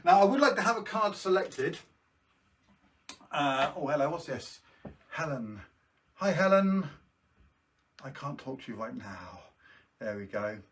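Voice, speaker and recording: A man's voice: fairly high pitch, big pitch swings, measured pace, long pauses, a bit bright, distant mic, slight background noise. A British man doing jokey kids' party magician patter, presenting tricks on a live show with casual asides to viewers. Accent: British English.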